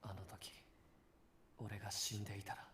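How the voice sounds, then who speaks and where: An actor voicing a quiet, brooding young man in a game, speaking softly and sometimes in a whisper. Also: monotone, fast, slight background noise. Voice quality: soft, low-key delivery, drops to a whisper. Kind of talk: Japanese game voice acting.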